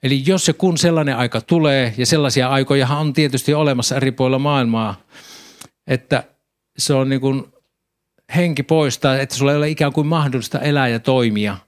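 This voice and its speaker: Guy giving a sermon, calm explaining voice, mid pitch, reads scripture out. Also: clean tone. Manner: calm explanatory preaching, reading scripture aloud. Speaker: preacher.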